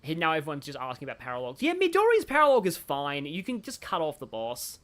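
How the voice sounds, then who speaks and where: With a low voice, huge pitch swings and a quick pace, a woman offers casual gaming commentary while live streaming. She rambles, thinks aloud and shares strong opinions as she talks with her viewers.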